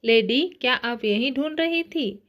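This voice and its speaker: A woman voicing a protective young man who speaks gently and reassuringly, at an unhurried pace. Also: on the high side, lively intonation. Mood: calm.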